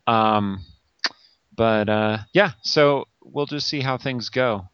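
A man's voice: mid-range voice, takes it slowly, a bit bright, smooth, no echo, lo-fi sound. A man, a novelist guest, chatting casually on a podcast with lots of ums and a self-deprecating humor.

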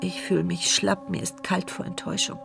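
A woman's voice: fairly low pitch, flat delivery, moderate pace, gravelly, over music. An actress narrating as a frightened young woman in a wheelchair who cannot speak, in a tense inner monologue for a German radio play. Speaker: first-person narrator and heroine.

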